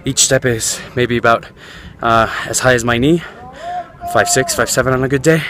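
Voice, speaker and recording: A travel editor narrating a vlog outdoors at ancient ruins, chatty with many fillers, recording on a handheld camera. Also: male voice, mid-range voice, normal speed. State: out of breath while climbing. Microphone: handheld camera while climbing. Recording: outdoor crowd noise behind.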